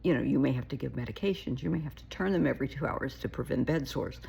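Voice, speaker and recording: Coming down with a cold, a woman therapist gives earnest, casual advice straight to camera, her extremely low, mellow voice gravelly and shaky. She speaks fast, frequently pleading and saying things again.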